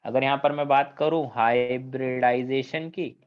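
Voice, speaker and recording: A man's voice: medium pitch, fairly even intonation, normal speed, clear, resonant tone. A man teaching chemistry in a classroom lecture, asking students questions and mixing English terms into his Hindi. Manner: asks the class questions and checks understanding often; mixes English technical terms into Hindi speech. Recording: dull lo-fi recording.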